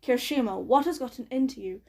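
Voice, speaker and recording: A woman's voice: high-pitched, fast, vocal fry, a little mellow. A woman voicing an ever-tired, strict male teacher who speaks wearily and sternly. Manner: weary, stern.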